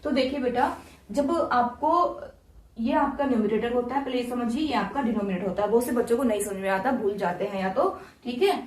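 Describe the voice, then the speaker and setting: A woman's voice, on the high side and a little fast, comes through with a roomy sound from a distant mic. As a math teacher, she patiently explains each step to students, going over it again and quizzing the class along the way.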